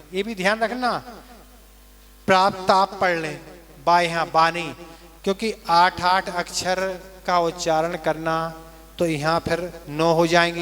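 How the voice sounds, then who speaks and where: A man teaching a verse class, who chants verse lines slowly and then patiently explains their meaning. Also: sits high, fairly bright tone, in a large hall. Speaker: Jain monk teaching scripture recitation. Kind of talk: slow scripture class.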